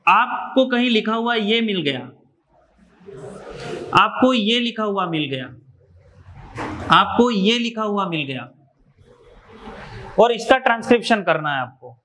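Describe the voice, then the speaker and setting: Male teacher from India, high voice, methodical and repetitive. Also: bright, forceful tone. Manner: explains step by step, repeats key terms. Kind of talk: exam revision lecture.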